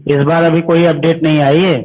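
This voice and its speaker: A man's voice: fairly high pitch, level tone, a little fast. A male physics teacher, giving an online class lecture. He calls his students "beta", asks them questions and then answers them himself. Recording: tinny phone-like audio.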